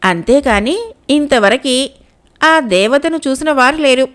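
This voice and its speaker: A woman's voice: high voice, animated, takes it slowly, exaggerated voice. Kindly old village mother, as a woman narrator puts her on. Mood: sorrowful. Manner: warm, motherly, pleading.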